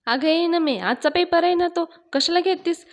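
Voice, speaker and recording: A woman's voice: very high-pitched, moderate pace, voice pushed up. A woman voicing a puzzled mother who questions and mildly scolds her daughter. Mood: questioning.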